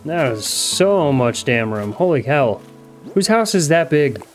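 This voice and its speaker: A young man with a slightly high voice jokes his way through a game. His commentary is casual and crude, and he talks back to the characters. Faint game music plays underneath. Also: big pitch swings, measured pace, low-quality recording. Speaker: gaming YouTuber.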